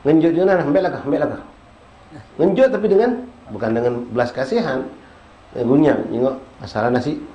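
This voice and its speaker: A male preacher, giving a casual, storytelling religious study sermon and reciting Arabic verses slowly. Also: highs cut off. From Indonesia. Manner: lively storytelling, acts out scenes with sudden high-pitched bursts. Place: prayer hall. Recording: echoey prayer hall with faint background noise.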